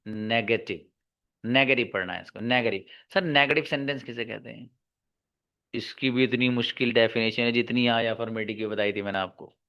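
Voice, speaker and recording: Male online English tutor with a bright voice on a dull lo-fi recording, who drills words slowly. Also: medium pitch, creaky. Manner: repeats key words slowly, asks and answers his students' questions himself; calls listeners "babu" and "my friend". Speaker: English teacher. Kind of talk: online grammar lesson in Hindi.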